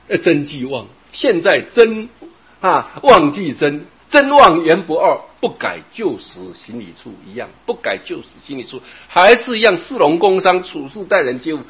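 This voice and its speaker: A man teaching a Buddhist dharma talk, expounding at length, drawing out his particles and repeating phrases. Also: fairly high pitch. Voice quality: husky. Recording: dull lo-fi recording.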